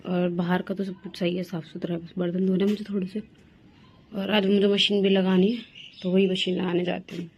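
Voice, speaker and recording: A woman's voice: fairly low pitch, little pitch movement, brisk, darkish tone, highs cut off, a little hiss or hum. Young woman chatting in a home vlog. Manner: chatty, coaxing her toddler in a sing-song voice. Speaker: vlogger. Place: home rooms, indoors.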